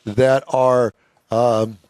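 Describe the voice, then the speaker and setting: A man hosting a live radio talk show, jovial and quick to laugh. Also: mid-range voice, little pitch movement, darkish tone, clean tone, no echo. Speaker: host.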